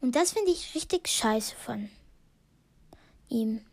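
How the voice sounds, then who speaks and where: A woman's voice: fairly high pitch, expressive, slow, darkish tone. A woman hosting a casual podcast, reading short passages from a book and commenting on them, thinking aloud with many fillers and restarts. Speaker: podcast host.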